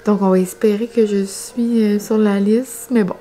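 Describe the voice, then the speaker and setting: A young adult vlogger from New Brunswick, Canada, speaks with a northern Acadian French accent, chatting casually to her viewers in a rambling, colloquial regional way full of filler words. Her voice is warm and medium-pitched, with fairly even intonation and normal speed.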